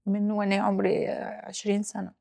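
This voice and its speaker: A woman in her forties from Libya, speaking with a Libyan accent as an interview guest, reflective and halting, mixing English phrases into her speech. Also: medium pitch, monotone, creaky, mellow. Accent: Libyan Arabic. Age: 40s. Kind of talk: personal interview.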